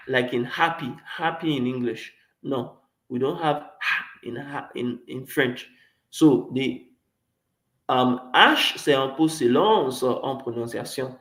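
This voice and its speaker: A man teaching French pronunciation. He says each sound several times, asks the class to repeat it, and then explains it in English. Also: a little high. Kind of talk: slow, repetitive pronunciation drill. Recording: echoey room.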